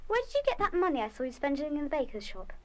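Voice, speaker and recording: A woman's voice: high voice, big pitch swings, very fast. An actress playing a bossy senior schoolgirl monitor in a children's radio play, speaking in an emphatic, prefect-like way. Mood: stern, scolding. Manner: scolding, emphatic. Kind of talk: 1970s full-cast children's radio play acting.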